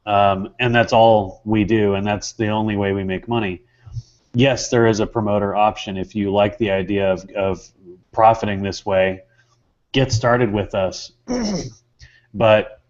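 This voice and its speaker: A man making an earnest, emphatic, conversational sales pitch as a co-presenter, often clearing his throat. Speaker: business promoter, co-presenter. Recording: dull, lo-fi sound.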